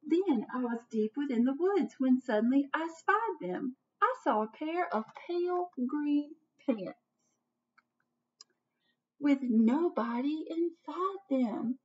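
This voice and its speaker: Using a high voice, a woman in her thirties dramatically reads a children's picture book and asks questions of young listeners in a teacher's manner. She's indoors in a small home office, and her desk-distance webcam yields dull audio from far off the mic.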